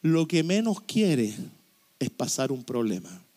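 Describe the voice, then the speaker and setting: A middle-aged pastor preaching a sermon emphatically, full of repetition and rhetorical questions. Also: male voice, medium pitch, big pitch swings, slow, a little mellow.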